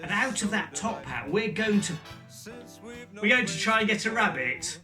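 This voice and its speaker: Male kids party magician, high voice, playful bumbling patter with lots of questions to the children, distant mic over music. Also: lively intonation, moderate pace. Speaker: children's magician entertainer presenting a Christmas show. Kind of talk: kids' party magic show patter, chatty and interactive. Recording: distant microphone, music behind.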